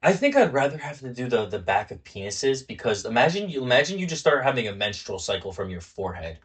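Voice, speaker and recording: A man's voice: mid-range voice, sing-song, fast, husky. A tipsy young man co-hosting a podcast, bantering casually and repeating himself over a drinking card game. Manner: tipsy, repetitive, rambling talk while drinking. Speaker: podcast co-host.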